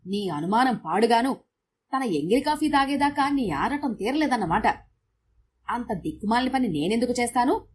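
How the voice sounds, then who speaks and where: A woman voicing a sharp-tongued middle-aged housewife who scolds curtly. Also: fairly high pitch, animated, moderate pace, husky. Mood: scolding. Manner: scolding, curt.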